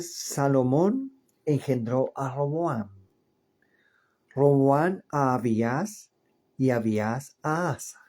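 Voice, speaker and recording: Man, Bible teacher, verse-by-verse study, very slow, mellow, slightly high voice, repeats words, checks in often. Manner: reads Hebrew names slowly, then explains in Spanish.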